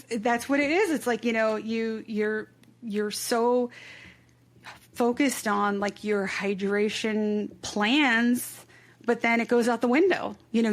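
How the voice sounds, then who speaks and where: Chatty woman with vocal fry. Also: a little high. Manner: chatty storyteller, heavy use of "like". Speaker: podcast host. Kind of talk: casual podcast chat.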